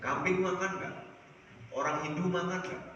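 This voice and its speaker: A man from Jakarta giving a dawn sermon in a small prayer house, asking the congregation questions and answering them himself, rising loud on key words and dropping low at line ends. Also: steady tone, normal speed. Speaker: preacher. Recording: echoey, distant, dull sound with faint noise.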